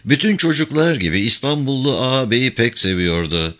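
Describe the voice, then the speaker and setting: A male audiobook narrator tells the story in a measured way. His voice is bright and crisp, with lively rises and falls in pitch.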